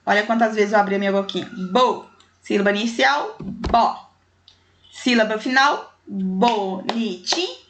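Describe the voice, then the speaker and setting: A woman's voice: mid-range voice, fairly quick, noisy background. A woman teacher, taking young pupils through a primary school language exercise and counting syllables and letters aloud with affectionate diminutives.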